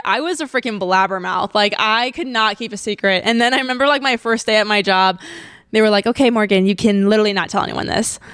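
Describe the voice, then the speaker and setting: A woman's voice: fairly high pitch, fairly bright tone, clean tone, dry recording, studio quality. A woman in her twenties hosting a solo podcast, chatting casually and emotionally with frequent laughs. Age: 20s. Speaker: podcast host.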